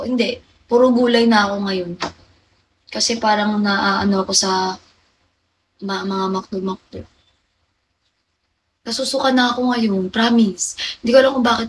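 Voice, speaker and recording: A woman's voice: medium pitch, steady tone, unhurried, long pauses, slight background noise, rough recording. A young woman hosting a livestream, chatting and confiding to her viewers and answering their comments by name. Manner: chatty, confiding, reads out viewer names and replies to them. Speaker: livestream host. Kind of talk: casual livestream chat with viewers.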